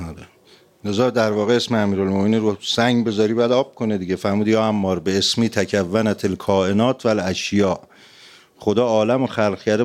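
A man preaching a religious sermon, retelling stories with fervent, repeated emphasis. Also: lowish voice. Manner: fervent, repetitive emphasis, lively story retelling.

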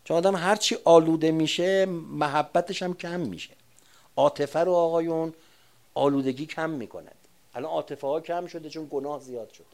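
An older man giving a sermon, moving between quiet personal recollection and loud, emphatic preaching. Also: a little high. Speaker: religious speaker. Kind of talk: sermon with personal war memories.

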